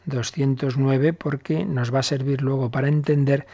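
A man's voice: medium pitch, moderate pace. A man, a priest giving a catechism lesson and acting out short dialogues as he explains. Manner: animated storytelling, acts out little dialogues. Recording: dull lo-fi recording.

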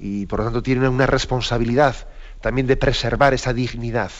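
Male lecturer, mid pitch, measured and explanatory with frequent tag questions, slightly dull lo-fi recording. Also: fairly even intonation. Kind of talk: spoken lecture to a class.

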